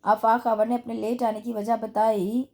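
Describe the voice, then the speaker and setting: A woman reading a romance novel aloud as narrator, with steady, expressive storytelling. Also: on the high side, measured pace. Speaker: audiobook reader.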